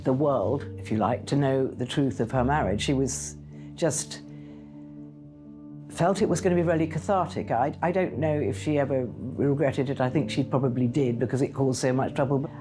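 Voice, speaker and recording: Woman commentator, documentary interview, chatty with restarts, lively pitch, soft music under. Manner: conversational, hesitant with fillers and restarts.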